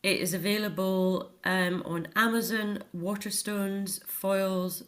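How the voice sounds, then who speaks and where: A middle-aged Scottish woman, an author who also volunteers in a care home, speaks earnestly and reflectively as a guest in a personal interview. Her voice is medium-pitched and steady, and she talks slowly.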